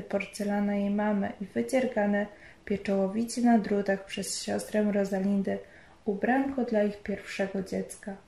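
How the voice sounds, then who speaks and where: A woman narrating a story in a measured, storytelling manner. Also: medium pitch, mellow. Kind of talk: scripted narration. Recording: roomy echo.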